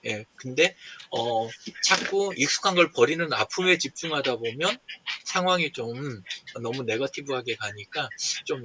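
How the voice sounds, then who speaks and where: A man sharing his reflections in an online group discussion, thinking aloud with pauses and soft laughs, heard over a video call. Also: medium pitch, breathy edge. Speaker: member of an online reading group.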